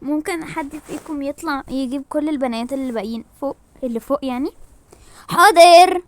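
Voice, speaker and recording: A woman with an Egyptian accent telling a doll story, talking briskly in chatty dialogue between characters. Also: high-pitched, level tone, a little mellow. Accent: Egyptian Arabic. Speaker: storyteller voicing dolls. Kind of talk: doll story role-play.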